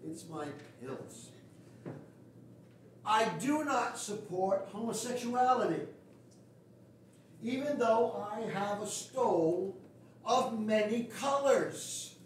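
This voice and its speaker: A man's voice: high-pitched, animated, slow pace, long pauses, far from the mic, a little hiss or hum. Older male pastor preaching in an echoey church. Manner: blunt, folksy and sarcastic. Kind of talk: sermon. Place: small wooden church sanctuary. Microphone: far camera at the back of the pews.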